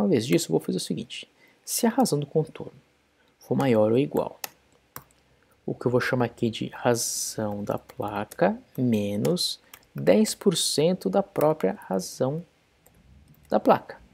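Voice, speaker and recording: A man's voice: fairly high pitch, animated, normal speed, gravelly, darkish tone, breathy edge. A man explaining code step by step in a programming tutorial screencast. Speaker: programming instructor.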